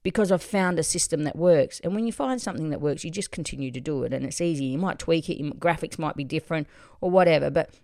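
An Australian woman hosting a motivational solo podcast, excitable and swearing casually. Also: low voice, quick pace, few pauses, dry recording, clean studio sound. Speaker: podcast host.

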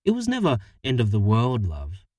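A man's voice: mid-range voice, wildly swooping pitch, normal speed, darkish tone, no echo, clean studio sound, far from the mic. A man voicing an exasperated young woman who bluntly ends a long relationship, speaking with weary impatience.

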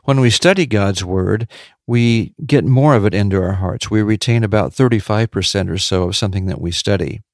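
A man with a fairly low voice gives a devotional teaching, measured and steady. He repeats his key points for emphasis, heard close and dry with no room around him. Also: no echo. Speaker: podcast Bible teacher.

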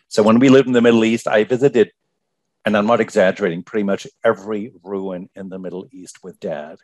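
A man from Germany, a guest author, talking casually in an interview, lively and prone to repeating words as he starts. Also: on the low side, dry recording.

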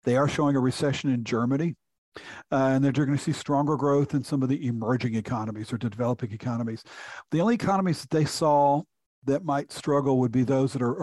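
A man's voice: mid-range voice, a little mellow, no room sound. Dry-sounding middle-aged male economist. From Houston, Texas. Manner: conversational, explanatory with frequent restarts. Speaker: chief economist guest. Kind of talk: podcast interview.

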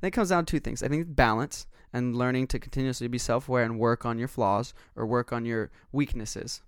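A man's voice: medium pitch, brisk, clear, resonant tone, no echo. Intense, passionate man in dry close sound. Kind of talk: casual conversation.

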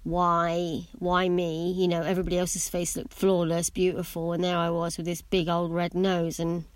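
A woman's voice: on the low side, completely flat delivery, moderate pace, clean tone, dry recording. A middle-aged woman who wears braces that slightly affect her pronunciation, sharing a candid, reflective personal monologue as a podcast host, in a hesitant, meandering way. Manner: speaking with braces, occasionally imprecise pronunciation.

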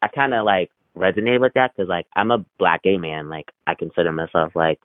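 A man's voice: deep voice, steady tone, brisk, no echo. A man calling in to a podcast, talking casually with many fillers and restarts. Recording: tinny phone line, dry.

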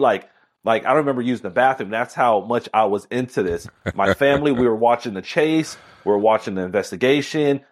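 An energetic man in his thirties from Miami tells his story as a podcast guest. He talks fast and with animated enthusiasm, in a mid-range voice. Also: medium pitch. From Miami, Florida. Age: 30s. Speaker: guest, author and speaker. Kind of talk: casual interview storytelling.

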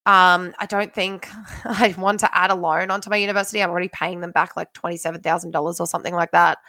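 A woman's voice: lowish voice, little pitch movement, quick pace, bright, forceful tone, no echo. A young woman with a broad Australian accent chatting casually on a solo podcast, stressing her points emphatically. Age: young adult. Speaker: podcast host and student teacher.

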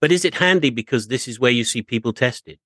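A man's voice: mid-range voice, expressive, fast talker, pushed and bright, dry recording, clean studio sound. A man moderating an author panel, listening closely and nudging the talk along with short responses. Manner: attentive, with frequent short backchannel responses. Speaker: host and moderator. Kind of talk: interview moderation.

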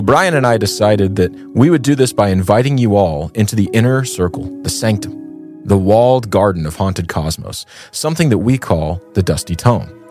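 Low-voiced man narrating over music. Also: a little mellow. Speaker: podcast host and storyteller. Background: background music.

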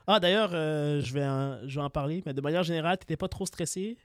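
A man with a Québécois accent and a fast, somewhat high voice hosts a casual couple's podcast late at night, sounding a bit tired. He jokes, stammers, and boasts playfully, and the studio sound is clean with no room echo.

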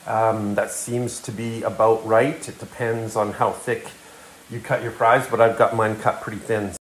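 A man with a fairly low voice gives loose, unscripted cooking commentary from his home kitchen. He hesitates often, starts over mid-sentence and fills pauses as he works. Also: level tone. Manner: rambling, hesitant, many fillers and restarts. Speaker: hunting and cooking podcast host.

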